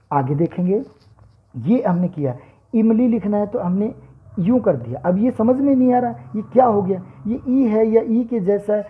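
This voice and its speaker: A man teaching Hindi handwriting and letter pronunciation, patiently explaining and sounding out letters one by one. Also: fairly high pitch. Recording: tinny phone-like audio.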